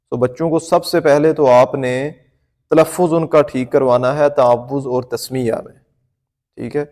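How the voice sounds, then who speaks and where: A man's voice: medium pitch, warm tone. A male Quran teacher explaining a recitation lesson patiently, repeating his points and checking in with the listener. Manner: breaks into slow melodic recitation to demonstrate.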